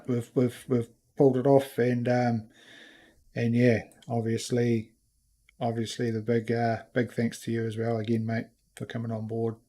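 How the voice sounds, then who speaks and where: Male race series host, New Zealand accent, even flat pitch, halting off-the-cuff delivery. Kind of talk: casual unscripted thank-you talk.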